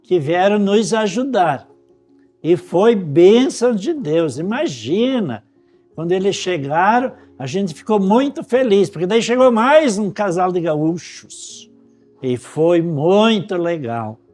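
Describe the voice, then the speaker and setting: A man, a pastor, recalling church history in a deliberate interview manner. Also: high-pitched, lively intonation, darkish tone, faint music behind. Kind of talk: recollecting interview.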